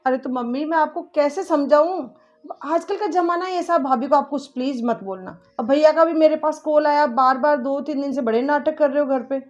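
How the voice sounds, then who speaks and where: A woman's voice: high voice, moderate pace, darkish tone, close to an everyday voice. A woman playing a grown daughter who insistently lectures her mother in a family drama. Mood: exasperated. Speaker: daughter on the phone. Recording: dull lo-fi audio with faint music.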